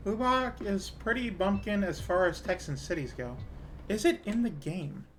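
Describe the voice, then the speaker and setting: A woman's voice: medium pitch, expressive, moderate pace, faint music behind. A woman with a Canadian accent, chatting casually with her viewers while gaming, rambling with fillers and small laughs. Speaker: streamer.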